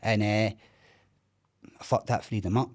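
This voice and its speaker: In a relaxed interview, this Scottish man in his thirties, a self-confessed loudmouth, recounts his life frankly and without softening it, cursing freely. He has a lowish, steady voice and talks a little slowly.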